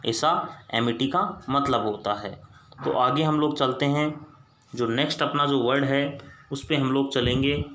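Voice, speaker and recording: A man's voice: medium pitch, fairly bright tone, a little hiss or hum. A man teaching English root words, repeating each point as a question he then answers himself. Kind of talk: Hindi screen-recorded lesson. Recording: echoey room.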